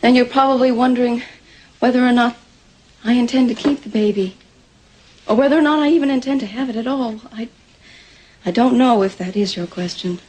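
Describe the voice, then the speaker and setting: A woman's voice: a little high, brisk, long pauses, darkish tone, a little hiss or hum, lightly acted, low-quality recording. An actress playing an anxious, proud young pregnant woman in a 1980s soap opera, talking hesitantly with stumbling restarts. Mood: anxious, defensive.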